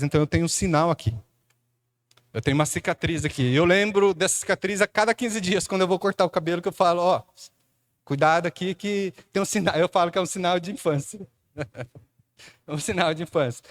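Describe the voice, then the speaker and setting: Brazilian male church speaker, slightly high pitch, lively storyteller who acts out quotes. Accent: Brazilian Portuguese. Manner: addresses a listener by name and tags lines with "né". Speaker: church speaker giving testimony. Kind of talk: sermon testimony storytelling.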